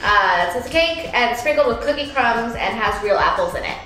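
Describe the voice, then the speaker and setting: A young woman with a fairly high voice talks casually as she co-hosts a food tasting, appreciative of what she eats. Her voice rings in a very echoey room over faint music. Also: lively intonation, fairly quick, sharp tone. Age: young adult. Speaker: snack taste-test co-host. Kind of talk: casual chat. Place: indoor room, seated at table.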